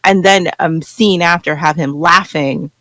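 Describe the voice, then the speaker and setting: A lively podcast panelist chatting casually about a show, jumping into little acted-out quotes. The voice sits at a middle pitch and sounds close and dry, with no room around it. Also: measured pace, no room sound. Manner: animated, acts out characters' lines in quotes. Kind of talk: casual chat.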